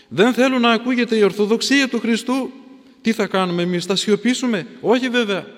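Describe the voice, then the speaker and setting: A man preaching a sermon in a church, with insistent, repetitive oratory that builds through refrains. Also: high voice. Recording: long hall reverb.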